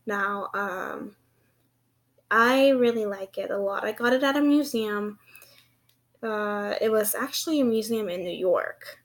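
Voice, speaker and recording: Speaking at a measured pace with a medium-pitched voice, a young woman chats in a casual, rambling way for her vlog. A lisp turns her s into a slushy sh, and her manner is giggly, hesitant and quick to poke fun at herself.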